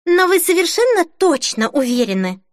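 A woman reading an audiobook voices an excitable young bride-to-be who squeals and gushes. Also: sits high, moderate pace, no echo, clean studio sound, pitched above the performer's own voice. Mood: anxious. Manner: gushing, breathless exclamations.

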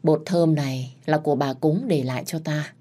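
A woman's voice: sits low, steady tone, moderate pace, dark tone. A woman voicing an older female village shaman who gives stern, instructive warnings.

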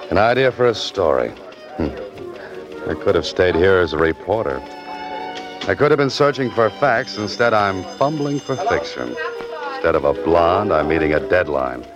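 An actor playing a wry, laconic hard-boiled writer-adventurer in a 1940s radio drama. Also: male voice, sits low, lively intonation, normal speed. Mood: wry, musing. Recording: muffled old radio recording, loud music.

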